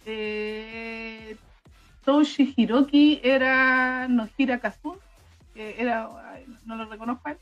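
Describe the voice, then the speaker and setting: A woman's voice: on the high side, fairly even intonation, slow, highs cut off, soft background music. A Chilean woman co-hosting a podcast, chatting casually about an anime and often restarting her sentences. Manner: chatty, hesitant, trailing restarts. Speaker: podcast co-host. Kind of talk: casual anime review chat.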